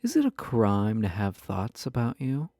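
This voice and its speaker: In this intimate roleplay audio, an actor plays a flirty, possessive husband who teases the listener with coy, mock-innocent pick-up lines. His male voice sits lowish and mellow, swinging hugely in pitch as he takes his time, exaggerated in delivery. The studio-quality recording has no echo.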